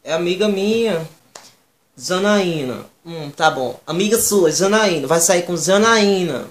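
A man voicing a jealous young girlfriend who speaks in a sarcastic, drawn-out, suspicious tone. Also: high voice, animated, slight background noise.

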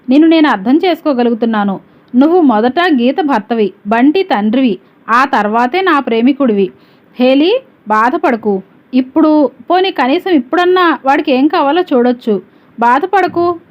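A woman's voice: high-pitched, expressive, moderate pace. A woman reading the part of a young woman in a spoken story, asking eager questions and soothing her lover, on a dull lo-fi recording. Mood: consoling.

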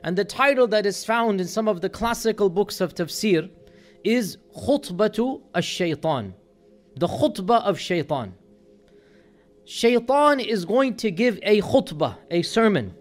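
High-voiced man giving an earnest lecture. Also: expressive, measured pace, faint music behind. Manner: earnest, emphatic, voices quoted crowds with rising intensity. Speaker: Islamic lecturer. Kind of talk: religious lecture.

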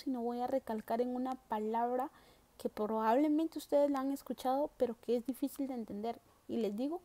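A woman with a high, mellow voice teaches a Bible lesson to primary school pupils. She explains slowly and stresses the key words. She often stops to ask the children rhetorical questions. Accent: Central American Spanish.

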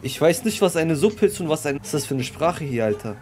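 A brash man hurls mocking, crude banter over game voice chat, his pitch a touch high and swinging all over the place. Music plays clearly behind him. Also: lively intonation, a little fast. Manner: brash, mocking, loud outbursts. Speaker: streamer trolling in a role-play server.

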